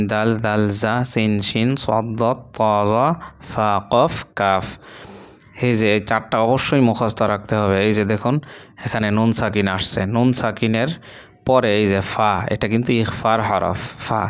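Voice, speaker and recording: A man's voice: lowish voice, clean tone. A man teaching Quran reading step by step, patiently repeating syllables and drawing out long vowels. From Bangladesh. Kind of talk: step-by-step recitation lesson.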